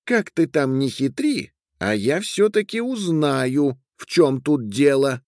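A man's voice: a little high, lively intonation, slow, a little mellow, no echo, studio quality, voice pushed up. A man voicing a nosy, stubborn peasant wife who keeps prying with insistent questions in a storybook reading.

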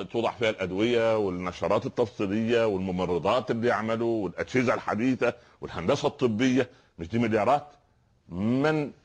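Fast-talking Egyptian preacher, low voice. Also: male voice. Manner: fast, animated storytelling preacher with rhetorical questions. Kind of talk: sermon.

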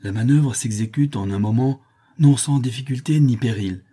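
A man's voice: medium pitch, normal speed, mellow, breathy edge. A man reading a novel aloud as an audiobook, in a dramatic storytelling delivery. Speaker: audiobook reader. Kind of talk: scripted narration.

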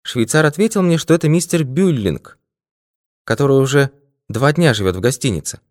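A man's voice: mid-range voice, expressive, moderate pace, no echo, studio quality, voice pushed up, lightly acted. A male audiobook reader voicing an anxious, earnest young woman in a raised voice. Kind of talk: audiobook character voice.

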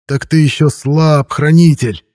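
A man's voice: high-pitched, lively intonation, takes it slowly, vocal fry, fairly bright tone, husky, pitched above the performer's own voice, exaggerated voice. A man voicing the malevolent snake-like spirit of a cursed ring, with a howling, shrieking voice and a gloating, menacing manner in an audiobook. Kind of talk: audiobook character voice.

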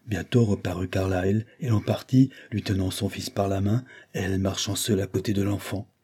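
A man reading a classic novel aloud in a steady, measured narration. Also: deep voice, husky. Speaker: audiobook narrator.

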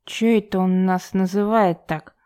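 A woman voicing a rough, drunk older man who speaks hoarsely and slurs his words. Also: mid-range voice, fairly even intonation, a little slow, dark tone, lightly acted. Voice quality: hoarse, slurred.

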